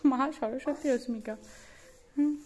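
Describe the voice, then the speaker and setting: A young woman with a high voice speaks casually to her child. She teases, coaxes and scolds lightly, in a warm and playful way. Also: unhurried, background noise. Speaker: mother filming her child. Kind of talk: casual family chat with a child.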